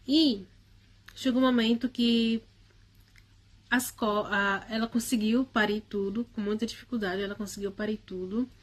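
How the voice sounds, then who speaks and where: A woman's voice: a little high, fairly even intonation, moderate pace. A woman casually recounting a personal spiritual experience in the first person. She speaks hesitantly, with frequent tag questions and restarts.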